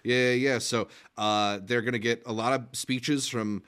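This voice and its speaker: A man co-hosting a casual movie news podcast, explaining things in a measured way. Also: mid-range voice, fairly even intonation, a bit bright, clean tone. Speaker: podcast co-host.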